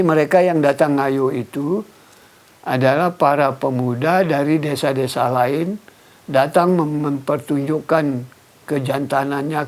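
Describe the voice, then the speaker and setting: A man's voice: on the high side, a little hiss or hum. A middle-aged man explaining a local tradition in an unscripted interview, often stopping to search for words and trailing off. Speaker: cultural informant.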